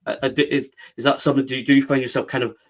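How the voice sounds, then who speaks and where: A man with a West of Scotland accent talks as a guest on an interview podcast. His voice sits at an ordinary middle pitch, and he leans hard into his points, piling phrase on phrase. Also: flat delivery, racing. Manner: emphatic, builds points in repeated phrases. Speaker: guest, book strategist.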